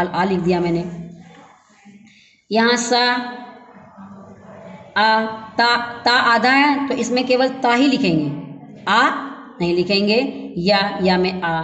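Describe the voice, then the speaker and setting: A woman teaching a grammar lesson, asking questions and answering them herself, sounding out syllables slowly. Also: mid-range voice. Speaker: school teacher. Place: classroom or room at a school. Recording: dull echoey room recording.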